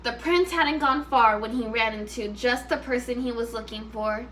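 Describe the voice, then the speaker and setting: Reading aloud to her first grade class, a teacher mixes the story with teaching questions, which she repeats for the pupils. She sounds expressive and instructive, with a fairly high, very bright voice at a moderate pace, and the recording has faint noise.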